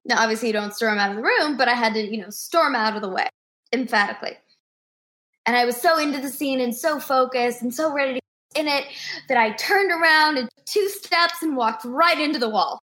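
A woman in her twenties talks in a remote interview, with a voice sitting a little high. She tells her stories with lots of energy and acts out the people in them. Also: a little fast. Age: 20s. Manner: animated storyteller, acts out quoted dialogue. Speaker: guest actress.

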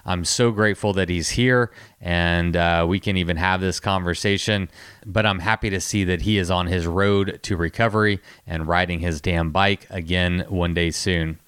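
A man's voice: low voice, fairly even intonation, normal speed, fairly bright tone, clear, resonant tone, no room sound, studio quality. A man hosting a casual interview podcast, upbeat and chatty with self-mocking jokes. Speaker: podcast host.

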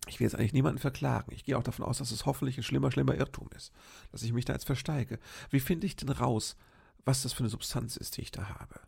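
A man's voice: medium pitch, steady tone, quick pace, vocal fry, darkish tone, slightly rough. An older man hosting a podcast, telling a long story in a rambling, chatty way and often turning to his listeners with a questioning "ne?". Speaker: podcast host. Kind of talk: casual storytelling monologue.

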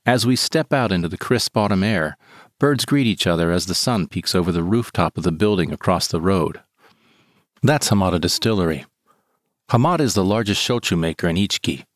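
A man reading a first-person story in a calm, measured way. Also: low-pitched, no echo, studio quality. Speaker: narrator. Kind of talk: scripted first-person narration. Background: guitar music.

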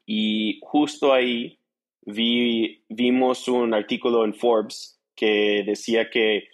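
An American man in his thirties, a native English speaker, appears as a startup entrepreneur guest on an interview, telling his story casually in Spanish with small grammar slips. His voice is male and fairly low in pitch.

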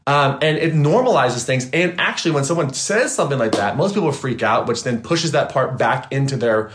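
A man, a trauma therapist and guest, talking in a casual, animated and emphatic way, swearing freely. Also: medium pitch, fairly quick. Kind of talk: casual interview chat.

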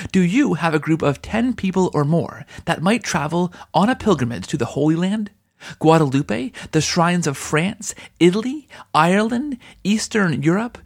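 A podcast host with a high-pitched, creaky voice introduces his show and conducts an interview. He comes across as earnest and enthusiastic.

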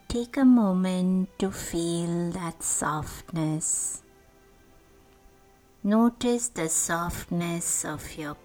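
A woman narrating a guided sleep meditation in a soothing, gentle, deliberate manner, leaving long pauses between phrases. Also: on the low side. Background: music.

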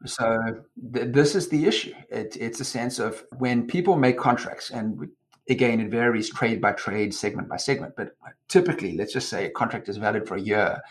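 A South African man in his forties, a company founder, giving measured explanatory answers in an interview, trailing off with "et cetera". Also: medium pitch. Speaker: guest, company co-founder and CEO.

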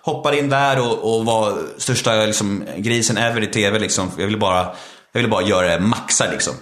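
A Swedish-accented podcast guest in his thirties, with a lowish, fairly bright voice in a reverberant space, candidly recounts his life story. He keeps restarting his sentences and leans heavily on the filler "liksom."

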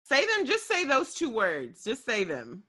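A woman banters on a podcast panel. Her voice is sharp and bright with lively swings, and her manner is insistent and teasing. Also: a little high, a little slow, breathy edge. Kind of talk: casual teasing chat.

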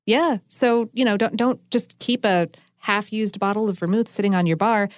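A woman's voice: mid-range voice, steady tone, moderate pace, no room sound. This is a woman co-hosting a food podcast, chatty and enthusiastic, wandering into asides as she explains. Her voice sits mid-range and is recorded dry and close. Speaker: podcast co-host. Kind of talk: casual chat explaining food science.

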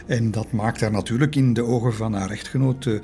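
A man recounts history in a relaxed, conversational way. He hesitates often, restarting phrases and adding tag questions. His voice is mid-pitched, with soft music faintly underneath. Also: a little fast. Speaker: history storyteller. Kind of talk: casual spoken history narration.

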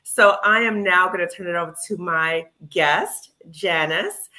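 A woman in her fifties with a bright, forward voice hosts a casual podcast conversation. She talks in a chatty, animated way, full of ums and quick asides. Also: on the low side. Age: 50s. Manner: chatty, animated, with many fillers. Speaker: clinical psychologist, podcast host.

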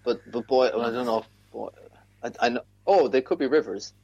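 A man's voice: mid-range voice, quick pace, gravelly, mellow, breathy edge, no room sound, dull audio. A man, a quiz contestant thinking aloud tentatively in casual talk.

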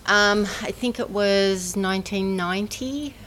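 A woman's voice: mid-range voice, measured pace, fairly bright tone, a little hiss or hum. A mature woman, reminiscing casually in an interview as a former athlete. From Brisbane, Australia. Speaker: former professional triathlete, interviewee.

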